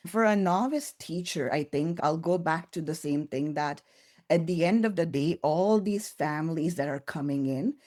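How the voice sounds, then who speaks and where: Woman podcast guest, low voice, thoughtful and earnest, little restarts here and there. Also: normal speed, darkish tone. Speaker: early childhood curriculum developer, guest. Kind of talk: podcast interview answers.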